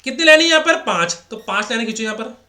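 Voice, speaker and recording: A man's voice: extremely high pitch, expressive, racing, bright, forceful tone, reverberant. A man teaching a maths lesson in a chatty, repetitive way, often asking rhetorical questions. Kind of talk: casual classroom lecture.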